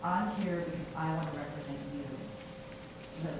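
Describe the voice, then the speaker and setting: Middle-aged woman candidate, low voice, halting stump speech, echoey distant room mic with noise. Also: fairly even intonation. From Taiwan. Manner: halting, with fillers and restarts. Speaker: city council candidate. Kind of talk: campaign speech. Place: meeting room. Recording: echoey room from far off, noisy.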